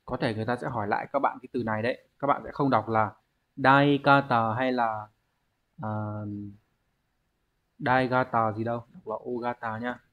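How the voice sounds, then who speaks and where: A man teaches an online exam-prep lesson. His pitch sits at an ordinary middle level as he patiently walks through each point and poses questions to the students before answering them himself. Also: steady tone, moderate pace, fairly bright tone. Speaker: Japanese language teacher.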